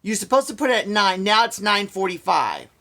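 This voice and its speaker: A man's voice: sits high, sing-song, fairly quick, gravelly, sharp tone. A man in a casual vlog, telling an exasperated story and repeating himself. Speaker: vlogger. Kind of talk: casual ranting story to camera.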